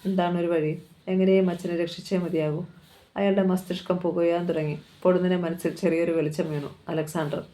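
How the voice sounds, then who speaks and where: A narrator reading a crime thriller novel aloud with steady, dramatic storytelling. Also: medium pitch, poor audio.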